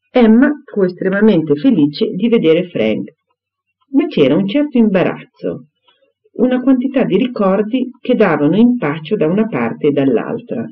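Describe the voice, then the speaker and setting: A man narrating a classic novel as an audiobook in a measured, expressive reading. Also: high voice, narrow, tinny audio.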